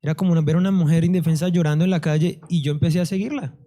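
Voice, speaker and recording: Animated man telling a story. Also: fairly high pitch, rapid-fire. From Colombia. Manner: animated storyteller, acts out dialogue. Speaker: testimony speaker. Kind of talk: church testimony, storytelling.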